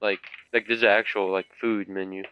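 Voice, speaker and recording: A man's voice: on the low side, little pitch movement, normal speed, muffled recording, slight background noise. Rambling young gamer guy. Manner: rambling, filler-heavy storytelling. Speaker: gaming streamer. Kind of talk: casual chat while playing.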